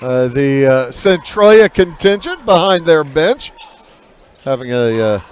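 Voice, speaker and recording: A man calling a high school basketball game play by play, measured with filler pauses, lifting his voice on big plays. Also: lively intonation, some chatter behind, slight background noise. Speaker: play-by-play announcer.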